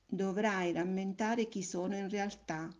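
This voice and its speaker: A woman doing a gentle, patient friendly soul. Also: medium pitch, measured pace, natural voice. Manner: calm, gentle, explaining. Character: kind, patient friendly soul, a sexless spirit. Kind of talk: storybook reading.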